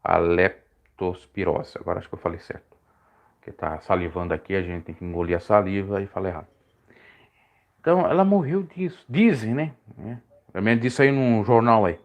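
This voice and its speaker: A man preaching casually on a live stream, rambling and correcting himself, his voice jumping high when he stresses a point. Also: lively intonation, brisk. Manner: rambling, self-correcting, pitch swings high when emphatic.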